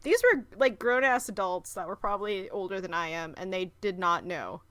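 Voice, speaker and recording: A woman's voice: mid-range voice, expressive, normal speed, a bit bright, no echo. Wry woman with a dry, close voice. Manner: wry, dramatic quips. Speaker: podcast co-host. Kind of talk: casual chat.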